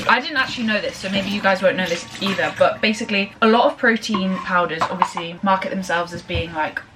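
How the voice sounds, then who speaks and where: Young woman, chatty vlog, rambling, bubbly, slightly distant from the mic, faint background hum. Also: mid-range voice. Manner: rambling, bubbly, fast and breathless after exercise. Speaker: lifestyle vlogger. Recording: slightly distant camera audio with faint room noise.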